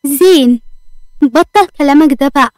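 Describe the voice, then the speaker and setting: A woman's voice: high voice, normal speed, a little mellow, no echo, close to an everyday voice. A woman with an Egyptian accent voicing a playful young wife who scolds easily, in a read-aloud romance story. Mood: indignant. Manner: indignant, scolding.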